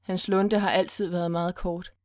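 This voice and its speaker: A frightened man forcing himself to sound calm, speaking in soft, soothing tones, as a woman reads him. The recording is dry and close. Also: lowish voice, no room sound, close to an everyday voice.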